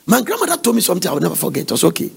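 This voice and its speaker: A man's voice: high voice, huge pitch swings, rapid-fire, gravelly, husky. A man preaching an earnest sermon, exhorting and telling family stories. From Nigeria.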